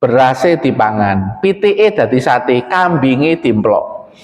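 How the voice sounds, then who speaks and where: A man's voice: medium pitch, sing-song, slow pace, darkish tone, lo-fi sound. A man with an East Javanese accent preaching in a mosque, talking conversationally and addressing the congregation directly with frequent questions. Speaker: Islamic preacher. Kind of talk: mosque sermon. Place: mosque hall. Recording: long hall reverb.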